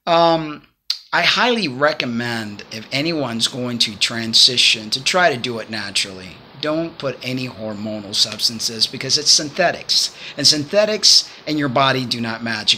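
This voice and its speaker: There's slight background noise as a Cuban man in his fifties offers earnest, rambling advice to camera from a small living room. His medium-pitched voice sounds sharp, recorded on a phone or laptop at arm's length.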